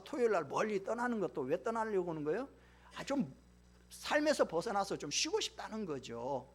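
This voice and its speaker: A male pastor preaching a Sunday sermon in church, emphatic, acting out the pleas of the people in the story. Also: sits high. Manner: emphatic, acts out biblical speakers' pleas. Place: church sanctuary.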